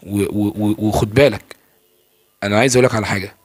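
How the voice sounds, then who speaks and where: A man's voice: lowish voice, steady tone, fast. A young Egyptian man talks about faith at a breakneck clip, tossing questions at himself and answering them. He keeps stumbling over repeated filler syllables. His voice sounds close and dry, with no room echo. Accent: Egyptian Arabic. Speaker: religious speaker. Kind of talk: casual religious talk to camera. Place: filming himself indoors.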